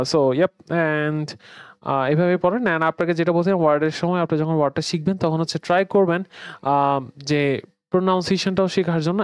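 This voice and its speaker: A man's voice: on the high side, clean tone, dry recording. A man from Bangladesh teaching an online English grammar lesson, explaining in a conversational way and dropping English words into his talk.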